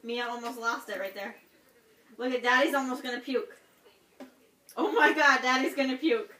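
Woman, fairly high pitch, directing parent in casual family chat, distant and echoey home video. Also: fairly even intonation, moderate pace, bright, forceful tone. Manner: prodding, directing. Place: living room, indoors.

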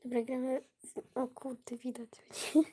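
A woman with a cold chats with her stream audience while she plays, her voice sitting a touch high. She talks slowly and keeps sinking into a breathy whisper. A faint hiss runs underneath. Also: flat delivery, mellow. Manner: often drops to a whisper while playing; chatty asides to viewers, easily flustered. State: voice affected by a cold. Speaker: gaming livestreamer. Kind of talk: casual live gaming stream.

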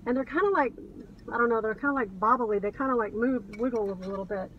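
A middle-aged American woman who resells goods gushes to camera from inside her car, showing off thrift finds. She speaks fast on the high side; the audio is dull, with a distant mic and background noise in the cabin.

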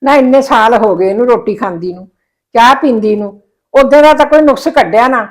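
A woman's voice: on the high side, a little fast, lightly acted, rough recording. An actress playing a caring middle-aged mother who coaxes and reassures her daughter in a drama. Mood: soothing. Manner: coaxing, reassuring. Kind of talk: Punjabi web drama acting.

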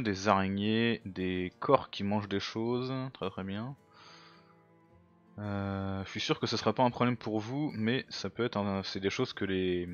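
Male gamer, lower voice, casual thinking-aloud commentary, self-mocking; dull lo-fi mic, soft music bed. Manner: thinks aloud, muttering to himself. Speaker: let's play gamer.

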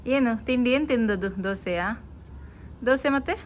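A woman, a mother chatting casually in her home vlog and gently coaxing her child. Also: fairly high pitch, moderate pace, a little hiss or hum.

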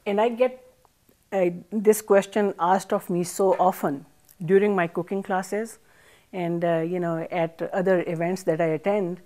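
An older Pakistani woman, a chef and author, answers interview questions thoughtfully on a studio set with armchairs and plants, speaking into a lapel mic. Her lowish, warm voice stays steady at a measured pace, sprinkled with frequent fillers.

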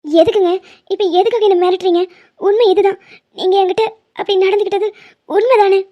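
Cartoon role: woman playing a scheming, lovesick young woman, very high voice, dull sound. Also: steady tone, a little fast. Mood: accusing. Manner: pleading, insistent.

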